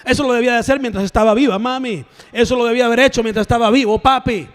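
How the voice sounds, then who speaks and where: A male pastor preaches with a high-pitched voice. His delivery swings from ringing shouts down to hushed, low passages, and he drives points home by repeating them. A long reverb trails his words through a large church. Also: steady tone, racing. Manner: repeats phrases for emphasis. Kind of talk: sermon.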